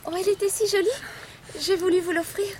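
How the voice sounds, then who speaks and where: An actress voicing a timid, gentle poor little girl in a radio drama, talking softly and pleadingly. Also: very high voice, fairly even intonation, quick pace, noisy background. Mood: tender. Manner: soft, pleading, childlike.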